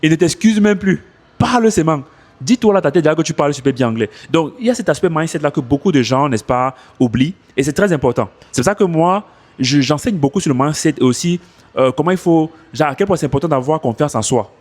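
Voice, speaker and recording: A man's voice: a little high, fast. A man coaching French speakers on learning English, talking casually into his phone outdoors and repeating his points for emphasis. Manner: animated, repeats himself for emphasis. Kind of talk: casual advice vlog.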